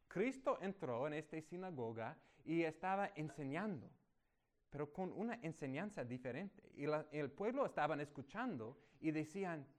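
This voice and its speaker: A man preaching a sermon, teaching through a Bible passage verse by verse and raising his voice for emphasis. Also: normal speed. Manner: animated, rises in pitch and volume for emphasis.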